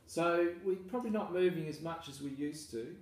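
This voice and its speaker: Australian male farmer, relaxed self-deprecating interviewee, distant mic in a very echoey space. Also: on the high side, moderate pace. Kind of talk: casual interview. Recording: echoey room, mic far off, faint noise.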